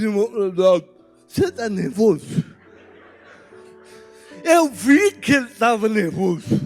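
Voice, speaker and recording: Very high-voiced Brazilian preacher, slow and emotional. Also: male voice. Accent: Brazilian Portuguese, Minas Gerais. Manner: emotional storytelling, acting out dialogue. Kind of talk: sermon with personal story.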